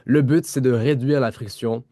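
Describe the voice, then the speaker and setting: A man's voice: medium pitch, fairly even intonation, normal speed, dark tone, no echo, clean studio sound. A man with a Québécois accent co-hosting a podcast, explaining ideas in casual chat with frequent fillers and restarted words. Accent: Québécois French. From Quebec. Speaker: podcast co-host.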